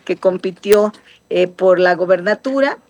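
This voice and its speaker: A Mexican woman from Guerrero, a senator and politician, answering interview questions in an earnest, steady way with many hesitant fillers. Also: on the low side, a little slow, dry recording, muffled recording.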